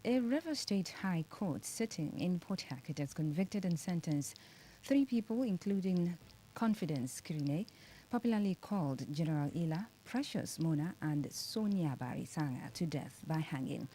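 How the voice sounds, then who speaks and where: A woman with a Nigerian accent reading a scripted radio news bulletin in a formal, deliberate manner. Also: lowish voice, expressive, dark tone, low-quality recording. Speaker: radio newsreader.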